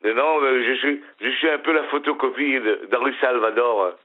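A man's voice: mid-range voice, normal speed. Smiling middle-aged man on a phone line. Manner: hesitant, repeats and restarts words. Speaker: caller. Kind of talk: casual phone-in chat. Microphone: telephone.

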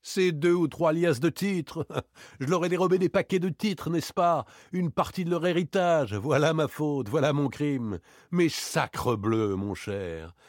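A man reading an audiobook, voicing a suave, proud gentleman burglar with ironic, theatrical outbursts. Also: mid-range voice, sing-song, moderate pace, no room sound, studio quality, voice pushed up. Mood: indignant.

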